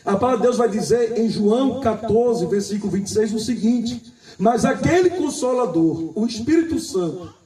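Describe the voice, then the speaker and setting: A man preaching a sermon, repeating his points, asking the congregation for an "Amém", and reading scripture slowly and with emphasis. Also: sits high, lively intonation, echoey room, distant mic, a crowd in the background, low-quality recording.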